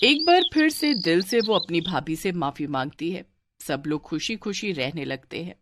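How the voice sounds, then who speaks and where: A woman telling a cartoon story in steady scripted narration. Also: lowish voice, moderate pace, background noise.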